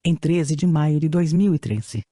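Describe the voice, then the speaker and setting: A man's voice: a little high, a little slow, no echo, studio quality. A synthesized text-to-speech man's voice with a Brazilian accent, reading scripted reference material in a mechanical audiobook manner. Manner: mechanical, flat screen-reader delivery that reads punctuation aloud. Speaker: audiobook narrator.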